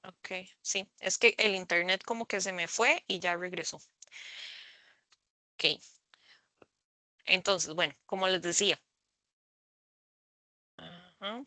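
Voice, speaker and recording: Slow, bright-voiced woman tutor. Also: on the low side, steady tone, dry recording. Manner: slow, patient explaining with frequent "¿verdad?". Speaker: English tutor. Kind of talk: online tutoring session. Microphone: computer mic on a video call.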